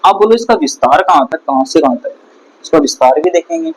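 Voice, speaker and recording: A man leads a classroom, asking his students questions and then repeating them. His voice sits a little higher than most men's. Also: wildly swooping pitch, fast, poor audio. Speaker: teacher. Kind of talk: classroom lecture.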